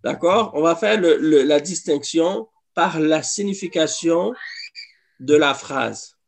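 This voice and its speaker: A man's voice: a little high, slow pace, vocal fry. A man teaching an Arabic class in a mosque classroom, explaining patiently and repeating each example. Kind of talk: classroom lesson.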